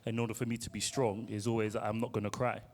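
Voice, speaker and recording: A man in a casual discussion who talks in a measured way and reasons through his point step by step. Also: lowish voice, level tone. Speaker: panel member.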